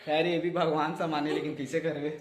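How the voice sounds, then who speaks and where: Showing his home from outside around the house and rooftop, this Chhattisgarhi-accented vlog host talks to his audience like friends in a casual family video. His delivery is flat and a little fast, in a slightly high voice, over background music.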